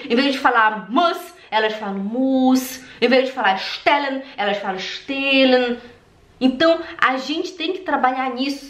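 A woman's voice: fairly high pitch, fairly bright tone. A woman from Brazil who teaches German, speaking emphatically and directly to viewers while promoting her course. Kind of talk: promotional language lesson. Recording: roomy echo.

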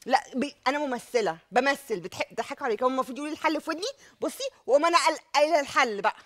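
Egyptian woman, rapid speech, high voice, flustered, prank host. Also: a bit bright. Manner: flustered, pleading, repeatedly backing out. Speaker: prank show host acting a part. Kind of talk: hidden-camera prank improv.

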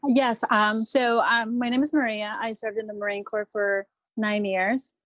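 This guest is a Peruvian woman in her thirties and a Marine veteran, speaking in a casual interview with lots of hesitant ums and restarts. Her fairly high, slightly bright voice has a flat delivery at a measured pace, with no room sound.

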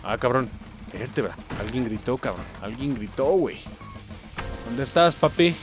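Excitable young Mexican man gaming. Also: mid-range voice, moderate pace, music in the background. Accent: Mexican Spanish. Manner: excitable, slangy, swears a lot, addresses viewers directly. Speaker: gaming channel host. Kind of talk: casual gameplay commentary.

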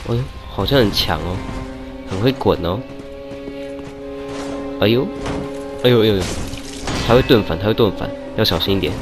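A lower-pitched man talks through his gameplay in a casual let's-play style. He jokes with enemies and bursts out in loud groans at every setback. Game music plays clearly behind him. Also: moderate pace, long pauses. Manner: excitable, shouts and groans at deaths, teasing banter with enemies. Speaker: gaming YouTuber.

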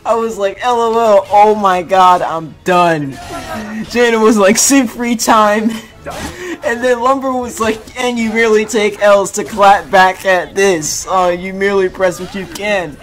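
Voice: mid-range voice, unhurried. A young adult gaming streamer reading chat messages aloud in casual, slangy commentary, often breaking into laughter.

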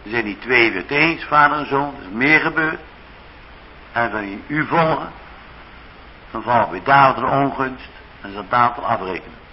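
A man's voice: medium pitch, lively intonation, normal speed, long pauses, muffled recording, slight background noise. A man with a Dutch accent preaching a sermon in a church, acting out the biblical figures' speech dramatically. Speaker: pastor.

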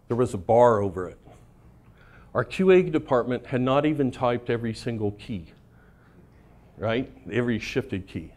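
A man's voice: medium pitch, a little mellow. A middle-aged man giving a casual conference talk, telling anecdotes in a profane, self-amused way and often checking in with "right?". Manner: casual, profane, laughs at his own stories, keeps tagging "right?". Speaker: conference speaker. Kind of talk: storytelling talk to a live audience.

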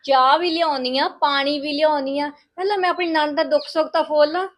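A woman playing a village wife with a high voice, sarcastic, lecturing, sharp-tongued, family skit acting. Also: steady tone, fairly quick. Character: village wife lecturing her sister-in-law.

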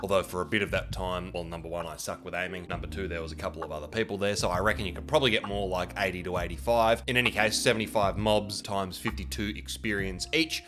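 A man's voice: low-pitched, fairly even intonation, fast, hardly any pauses, music in the background. A man, nasal and stuffed up from being sick. He talks through a game guide in a chatty, rambling, self-deprecating way. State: sick with a cold. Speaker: gaming video host. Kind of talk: casual game guide commentary.

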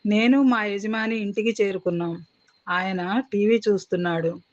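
A woman's voice: mid-range voice, steady tone, moderate pace, darkish tone, lo-fi sound. Woman reading a short story aloud. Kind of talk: audiobook narration of a short story.

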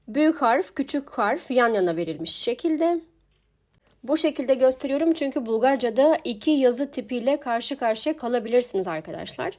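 A young woman teaching a language alphabet lesson, pronouncing each word slowly and repeating it twice. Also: a little high, a little mellow. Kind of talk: slow spoken alphabet lesson.

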